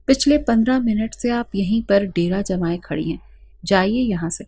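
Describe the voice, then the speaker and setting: A woman's voice: mid-range voice, vocal fry, mellow, breathy edge. A woman voicing an impatient male bangle seller in an audio story, curt and shooing.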